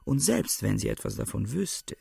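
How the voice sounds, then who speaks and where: Here is a cool, reserved accused man in a radio play. He answers in a measured, guarded way, with a very gravelly voice. The sound is close and dry. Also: on the low side, very animated, dark tone, dry recording, full character voice.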